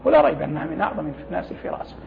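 A man with a high-side, sing-song and gravelly voice guests on a programme as a religious scholar. In formal, didactic Arabic he explains scripture, recites quotations and pauses to gloss phrases. The recording is thin and phone-like, with faint noise.

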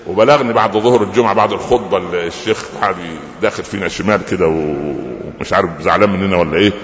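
A man's voice: deep voice, fast talker. A man with an Egyptian Arabic accent giving a sermon, telling stories with rhetorical questions and humorous asides. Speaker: preacher. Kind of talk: sermon lecture. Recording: echoey hall, lo-fi with faint noise.

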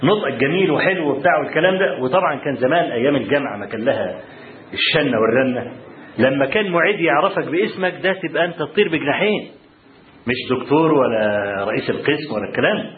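A man with an Egyptian Arabic accent telling students about his college days, animated, often checking in with the audience. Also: medium pitch, fast talker, roomy sound, phone-quality sound, slight background noise. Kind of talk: storytelling talk to students. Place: lecture hall.

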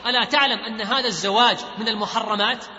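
Probing TV host, as a man reads him out; high, bright, roomy. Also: fairly even intonation, rapid-fire. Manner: questioning, read out plainly. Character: probing male talk-show host. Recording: echoey hall, dull lo-fi.

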